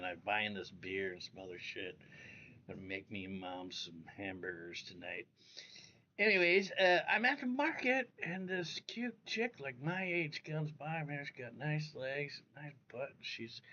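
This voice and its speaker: A man's voice: mid-range voice, measured pace, sharp tone, highs cut off, a little hiss or hum. A man with no upper teeth and slack articulation, chatting casually and profanely as he rambles to his livestream. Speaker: livestream host.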